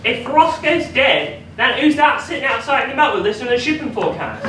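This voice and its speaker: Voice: mid-range voice, very animated, brisk, natural voice. An actor playing a dim, chatty servant and minder in a stage farce, bluntly literal and comic. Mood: matter-of-fact. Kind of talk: theatrical stage farce acting. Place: small theatre stage with audience. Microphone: far camera. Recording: echoey noisy theatre, distant camera mic.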